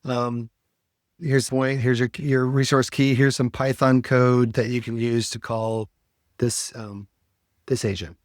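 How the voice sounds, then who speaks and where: A man hosting a podcast, walking through a software demo in a casual, explanatory way with frequent fillers. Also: mid-range voice, flat delivery, a little slow, dry recording, studio quality. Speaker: podcast host.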